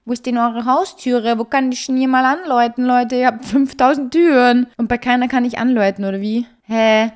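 A young woman giving bubbly, gushing let's play commentary, dropping to quiet asides. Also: fairly high pitch, steady tone, a little fast, few pauses. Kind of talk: casual game commentary.

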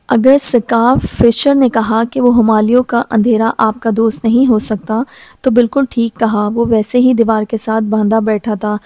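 A woman narrating a romance novel as an audiobook in a measured, even reading. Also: on the high side, dry recording.

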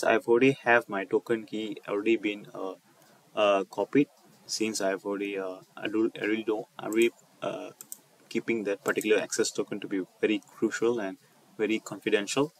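A man with a fairly low voice presents an unscripted coding tutorial over a screen recording. He speaks haltingly, often repeating and rephrasing his phrases.

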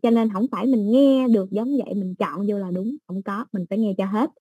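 A woman teaching an English exam-prep lesson, explaining slowly with everyday examples and many fillers. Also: mid-range voice, warm tone, husky, no room sound, highs cut off.

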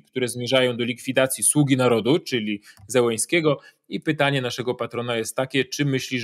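A male host running an interview show with courteous, formal phrasing. He reads out questions to his guest and addresses the audience respectfully in his closing remarks. His voice is at an ordinary male pitch. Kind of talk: interview hosting and channel sign-off.

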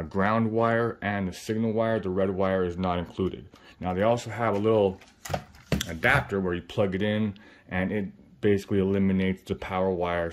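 A man's voice: deep voice, darkish tone. A man giving a casual, informal step-by-step how-to, his speech slightly muffled by a face swollen after surgery. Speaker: RC hobbyist host. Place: indoor hobby workbench.

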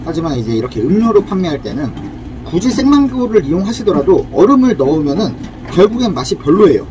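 A man with a fairly high and very lively voice walks through a cafe drink recipe, explaining each step politely. He stands at a cafe counter and talks to a camera set on the counter. Traffic noise comes through clearly behind him. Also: fast. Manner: friendly, explanatory, uses polite speech. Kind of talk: casual cooking demonstration.

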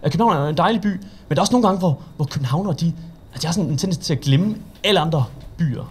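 A man's voice: on the high side, lively intonation, slightly rough. Chatty young Danish man doing stand-up. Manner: chatty, self-mocking storytelling with quoted voices. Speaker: stand-up comedian. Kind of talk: stand-up comedy set. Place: open mic at a bar.

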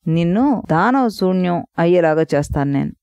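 A woman's voice: on the low side, animated, normal speed, a little mellow, smooth, no echo, clean studio sound. A woman voicing a fierce warrior goddess who speaks in a commanding, scornful way in a storybook telling.

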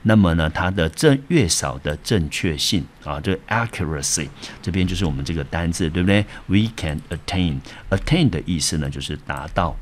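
Male English teacher, Taiwanese Mandarin accent, very low voice, patient step-by-step explaining. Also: expressive, normal speed, a little hiss or hum. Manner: explanatory, repeats words, frequent "好" and "呢". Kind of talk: vocabulary lesson.

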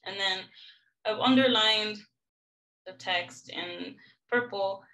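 A young woman gives a student lecture on a song cycle, pointing out highlighted passages in the score as she goes. Her voice sits at an ordinary middle pitch, and her delivery is explanatory and academic. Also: slow pace, pushed and bright, low-quality recording. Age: young adult. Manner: explanatory, walking through a score. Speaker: music student presenting a lecture recital. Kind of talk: academic presentation.

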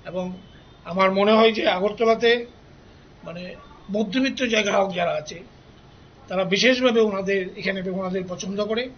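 An older man gives unscripted formal remarks in halting, measured phrases. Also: high voice. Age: 60s or older. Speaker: guest dignitary giving remarks. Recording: dull, noisy showroom location sound.

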